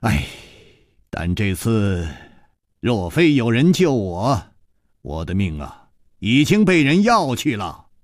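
A male storyteller voicing a composed, wry male hero who speaks low and measured with soft sighs. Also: sing-song, dry recording, studio quality.

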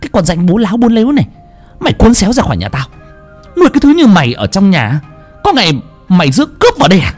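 Một người đàn ông giả giọng mụ con dâu độc ác chua ngoa. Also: male voice, sing-song, fairly quick, faint music behind. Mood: furious. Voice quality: shrill, screeching. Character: shrill cruel middle-aged daughter-in-law.

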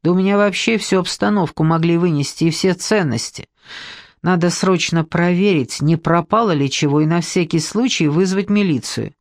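A storyteller voicing a loud, sharp-tongued, stout woman, mocking and domineering. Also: medium pitch, moderate pace, dry recording, clean studio sound, natural voice.

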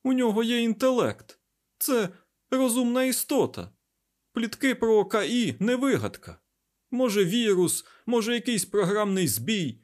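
A man voicing an agitated male scientist in an audiobook, loud and urgent. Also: high voice, animated, moderate pace, pitched above the performer's own voice. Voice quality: loud, raised, breathless urgency. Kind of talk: audiobook character voice.

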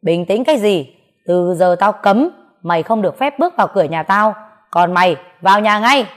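A woman voicing an angry middle-aged father who scolds his grown daughter loudly, in a storybook reading. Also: mid-range voice, expressive, normal speed, close to an everyday voice. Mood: furious. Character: furious middle-aged father, harsh and shouting.

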